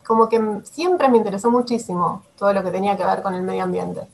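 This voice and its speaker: A woman's voice: mid-range voice, quick pace, creaky, a little mellow, a little hiss or hum. A woman in her forties with an Argentine Spanish accent from Rosario, speaking as a climate activist guest over a webcam video call, with many fillers, restarts and little laughs. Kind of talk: casual interview answers. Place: small room at home.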